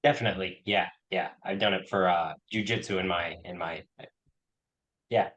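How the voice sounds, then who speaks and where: A man's voice: sits low, fairly even intonation, moderate pace, fairly bright tone, rough recording. A man hosting a podcast interview, easygoing and a bit hesitant as he frames his questions. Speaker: podcast host. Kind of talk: casual interview on a video call.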